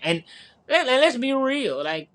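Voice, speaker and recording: A man's voice: very high-pitched, big pitch swings, unhurried, fairly bright tone. A male podcast co-host in casual sports chat, talking in a rambling way with many repeats and fillers.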